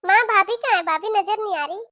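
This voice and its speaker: A woman's voice: extremely high pitch, a little fast, bright, forceful tone, no room sound, studio quality. Woman voicing a caring young daughter in a cartoon. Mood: earnest. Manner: earnest, pleading. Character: caring young married daughter visiting home. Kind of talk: cartoon voice acting.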